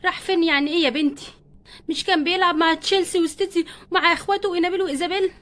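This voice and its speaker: A woman with an Egyptian accent voicing a fond, calm mother who reassures her grown daughter in a doll play story. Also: very high voice, racing. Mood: soothing. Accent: Egyptian Arabic. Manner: reassuring, affectionate.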